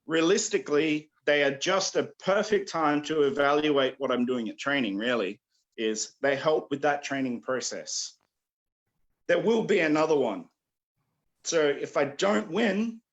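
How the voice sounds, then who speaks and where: A man from Australia or New Zealand giving a casual online combat class, rambling along with many fillers and clearing his throat. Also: fairly high pitch, unhurried, lo-fi sound. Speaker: combat instructor. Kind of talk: casual virtual class talk. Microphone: video call.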